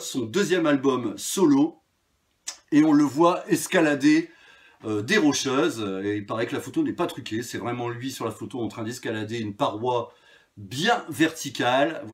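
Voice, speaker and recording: A man presenting his vinyl records in a casual video, talking freely with many hesitations and fillers. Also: mid-range voice. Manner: chatty, hesitant with frequent fillers.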